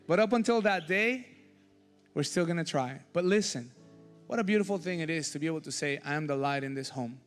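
A man preaching a sermon as pastor, passionate, swinging between loud bursts and hushed lines. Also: on the high side, a little fast. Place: church sanctuary. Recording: church hall reverb with soft music behind.

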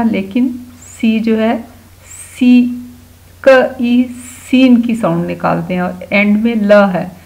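A woman's voice: mid-range voice, creaky, darkish tone. A Pakistani woman with an Urdu accent teaching a simple grammar lesson to young children, patiently sounding out letters one by one. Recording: dull lo-fi home recording.

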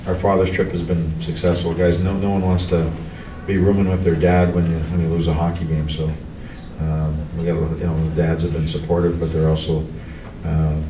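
A middle-aged man, a hockey coach, answering reporters at a post-game press conference, halting with many restarts and fillers. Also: deep voice. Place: press room in front of a team backdrop. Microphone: table mic on a stand, heard from a camera farther off. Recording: echoey room, distant camera, background noise.

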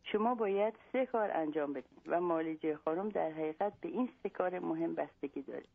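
A woman's voice: lowish voice, creaky, no room sound. A woman reading aloud the lines of a confident, long-winded male psychologist, over a phone line. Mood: instructive.

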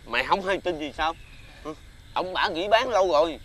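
A man's voice: a little high, expressive, moderate pace, fairly bright tone, a little hiss or hum. A man playing a brusque, mocking incense seller in a TV fairy-tale drama.

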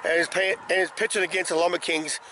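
A middle-aged vlog host films himself outdoors at arm's length with a handheld camera, moving between a roadside and a ballpark amid clear ambient noise. His voice is fairly high and a little hoarse, delivered flatly and quickly as he rambles, repeatedly saying "uh, basically."

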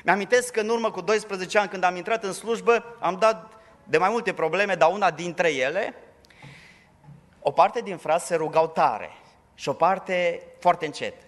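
A man's voice: sits high, a bit bright. A pastor preaching a sermon in church, emphatic, raising his voice on scripture verses. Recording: long reverb of a church hall.

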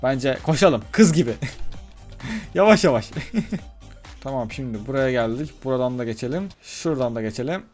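A man giving let's play commentary as a gaming YouTuber, excitable, talking himself through the game and swinging between loud cheers and hushed muttering. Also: mid-range voice, moderate pace, faint music behind.

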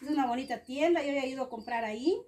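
A woman's voice: high voice, racing, darkish tone, slight background noise. A woman with a Guatemalan accent co-hosting a vlog, explaining things casually outdoors with repeated tag words. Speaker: charity vlog co-host. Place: outdoors on a house porch. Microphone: phone camera a short distance away.

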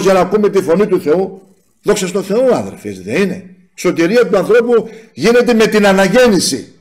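A man's voice: high-pitched, darkish tone. A man preaching a sermon in a church community, telling a personal testimony and often calling to his listeners as brothers and sisters.

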